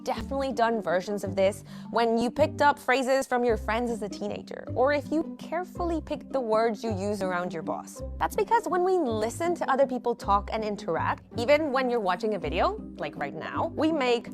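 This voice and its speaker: A woman narrating a scripted science explainer in a bright, conversational way. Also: on the high side, lively intonation, normal speed, few pauses. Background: music.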